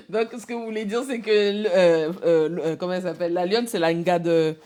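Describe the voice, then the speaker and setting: A woman's voice: fairly low pitch, dark tone. A woman hosting a live stream, teasing, laughing often and asking her viewers questions. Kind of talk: mocking live commentary.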